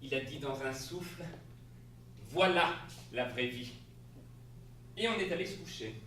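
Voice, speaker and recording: In a comic stage monologue, a man portrays a flustered spouse telling an absurd tale, exclaiming and laughing with flustered amusement. His medium-pitched voice has a sharp tone and lively intonation at a measured pace. The sound is echoey, from a distant mic, with faint hiss.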